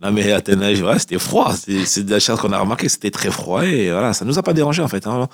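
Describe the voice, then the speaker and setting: Animated and fast, a Cameroonian man in his forties with a lowish voice shares his own story unscripted during a radio interview, chatty and repetitive. The recording is dry, studio quality.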